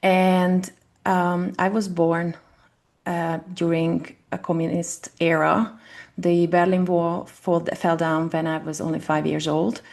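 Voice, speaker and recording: A Hungarian woman in her forties, with a Hungarian accent, is a guest on an online interview call from her home in Texas, earnestly explaining her work as a family constellation coach. Her voice is fairly low, creaky and a little mellow, with a flat, slow delivery, and she makes the small grammar slips of a non-native speaker.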